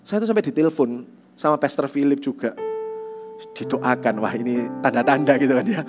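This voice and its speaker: Male youth pastor, animated testimony sermon over soft guitar. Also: mid-range voice, brisk. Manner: animated storytelling, repeats tag phrases.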